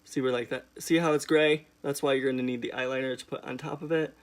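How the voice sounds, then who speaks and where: A man's voice: mid-range voice, steady tone, fast talker. A young man with a sassy, emphatic drag-queen delivery, chatting casually as he hosts a makeup tutorial. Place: indoors, small room at home.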